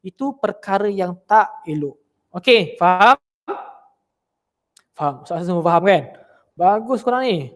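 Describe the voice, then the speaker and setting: A man with a Malaysian Malay accent teaching children religion in an online class, lively and full of questions for his pupils. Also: sits high, a little slow, long pauses.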